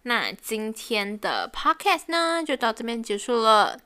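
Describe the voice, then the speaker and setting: A woman's voice: fairly high pitch, huge pitch swings, a little slow, pushed and bright, clear, resonant tone. A woman in her twenties with a Taiwanese Mandarin accent, hosting her own podcast and chatting through a funny story, laughing as she goes. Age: 20s. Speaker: podcast host. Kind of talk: casual storytelling monologue.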